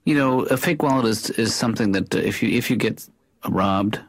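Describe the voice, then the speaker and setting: A man voicing a mild-mannered, hesitant therapist in an animated sitcom. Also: fairly low pitch, normal speed, husky, no room sound. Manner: soft-spoken, mild, hesitant.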